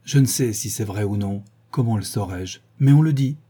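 A middle-aged painter pleads with a wayward friend, his words grave and reproachful, as a man reads him aloud. The voice is dark and mellow, with a husky edge. It sounds like a storybook read aloud. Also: on the low side, moderate pace.

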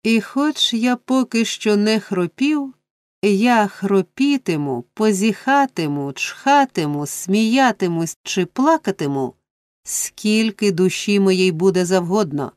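A woman voicing a pompous, domineering middle-aged male parish beadle in an audiobook, blustering and self-important with drawn-out emphasis. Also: mid-range voice, lively intonation, darkish tone, dry recording. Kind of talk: audiobook character reading.

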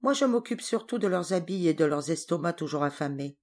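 A woman's voice: fairly low pitch, animated, brisk, a little mellow. A woman voicing a kindly, grieving woman who cooks and cares for a band of hunters in an audiobook story. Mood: weary.

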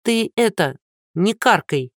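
A woman's voice: lowish voice, lively intonation, normal speed, no echo, clean studio sound, lightly acted. A narrator voicing a haughty, short-tempered actress in her thirties who talks down sharply. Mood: nervous. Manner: sharp, condescending.

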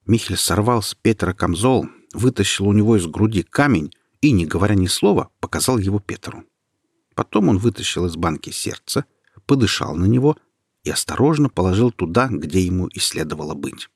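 A man narrating a fairy tale aloud at a steady, expressive pace. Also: sits low, a little fast, husky, dry recording, studio quality. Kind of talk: storybook reading.

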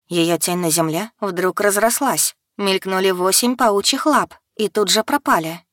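A woman reads a first-person fantasy audiobook expressively and cries out the heroine's shouts at full voice. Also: medium pitch, dry recording, clean studio sound. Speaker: audiobook narrator.

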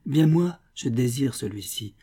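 A man's voice: mid-range voice, animated, a little slow, warm tone. A man voicing a ruthless countess, cold and insistent. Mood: pitiless. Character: ruthless woman countess, pitiless and demanding.

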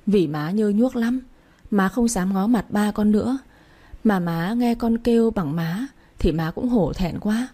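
A woman voicing a remorseful young mother who speaks softly and pleadingly, full of shame. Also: medium pitch, unhurried, natural voice. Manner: soft, pleading.

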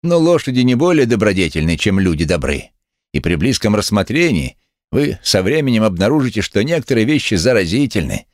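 A man's voice: fairly low pitch, very animated, a little fast, no room sound, studio quality, voice pushed up. A man voicing a sneering one-legged male cynic who speaks with mocking contempt. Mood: scornful.

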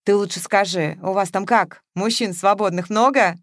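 A prying, pushy woman friend fires off brisk questions, voiced by a woman reading the story. She sounds eager and nosy, never letting a topic go. The recording is close and dry. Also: medium pitch, dry recording, natural voice.

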